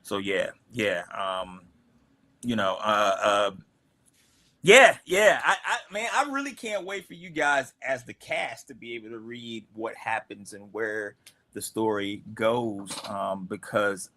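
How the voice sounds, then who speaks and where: With a fairly low, bright and forceful voice, lively intonation and a slow pace, a comic's creator and the cast's boss rambles on a livestream, restarting often, filling pauses and laughing a lot. There is no echo.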